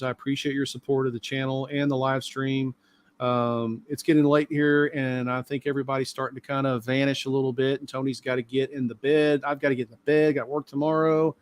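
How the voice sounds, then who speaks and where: A man's voice: on the high side, clean tone. A middle-aged man hosting a live stream, talking casually and at length with many fillers. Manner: rambling, talkative, lots of fillers.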